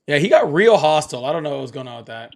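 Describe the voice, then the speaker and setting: A man with a slightly high voice hosts a live political call-in. He talks in a casual, conversational way and challenges points by picking at exact wording. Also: expressive, very fast, music in the background. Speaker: host of a call-in stream.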